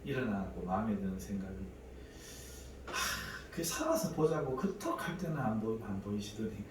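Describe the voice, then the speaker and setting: A man's voice: lowish voice, animated, normal speed, noisy background. A man, preaching a sermon and telling a personal testimony with dramatic, acted-out prayers. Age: 40s. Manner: dramatic storytelling, acting out prayers and quoted voices. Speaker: pastor. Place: church sanctuary. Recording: echoey church hall, mic at a distance, faint room ambience.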